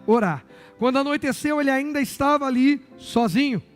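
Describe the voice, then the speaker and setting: Brazilian pastor guy, high voice, preaching and quizzing the crowd, little jokes, soft music under it. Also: normal speed. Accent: Brazilian Portuguese. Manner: asks the congregation questions and repeats answers, joking asides. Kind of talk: sermon. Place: church with a congregation.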